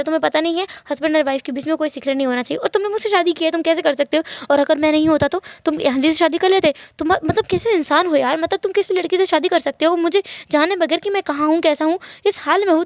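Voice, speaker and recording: Woman voicing a flustered young guy, stammering, repeating words, high-voiced, bluster, dry close sound, storybook reading. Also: dry recording. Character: flustered, chattering young man, quick to bluster.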